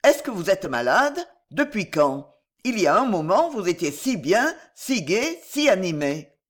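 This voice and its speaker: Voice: medium pitch, sing-song, unhurried. A reader voicing a flustered male theatre director who asks anxious, exclamatory questions.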